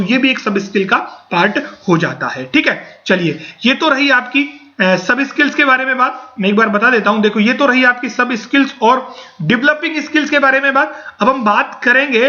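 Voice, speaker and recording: Male exam-prep teacher, high bright voice, dull lo-fi recording, quizzes himself as he explains. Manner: asks and answers his own questions. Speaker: English teacher.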